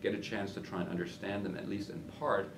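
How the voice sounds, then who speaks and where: A man's voice: fairly low pitch, fairly even intonation, fast talker. A man researcher speaking thoughtfully in an interview, searching for his words. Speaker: sea ice researcher. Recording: roomy, distant mic with noise.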